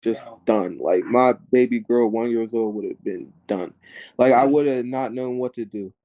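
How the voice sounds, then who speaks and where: A man, a rapper being interviewed, telling his story in animated casual talk, full of filler words. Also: medium pitch, measured pace, dry recording.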